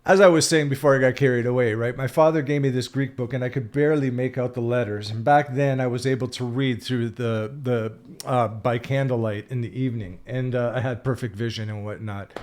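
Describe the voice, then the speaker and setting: In a reflective solo video, this Canadian man in his 60s, a spiritual vlogger, rambles and corrects himself often, using plenty of fillers, and is candid and sometimes emphatic. His mid-range, slightly mellow voice moves fairly quickly with fairly even intonation and hardly any pauses.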